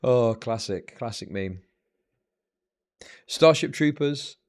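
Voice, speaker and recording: A man's voice: mid-range voice, animated, slow pace, clean tone. A man hosting a livestream, telling rambling, profane stories in casual chat that build into exasperated rants. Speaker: livestream host.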